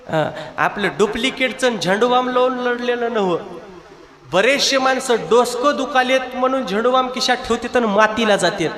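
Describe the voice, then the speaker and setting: A man preaching a devotional kirtan sermon, telling a saint's story with lively calls and asides to the crowd. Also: very high-pitched, moderate pace. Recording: echoey hall with long reverb.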